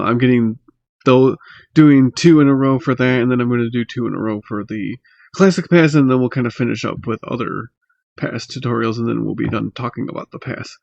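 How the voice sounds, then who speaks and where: A man giving a casual, unscripted tutorial in a halting, hesitant way, pausing mid-phrase, recorded on a laptop microphone. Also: mid-range voice, gravelly, no echo, dull audio. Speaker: magic tutorial host. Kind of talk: casual unscripted how-to explanation. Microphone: laptop built-in mic.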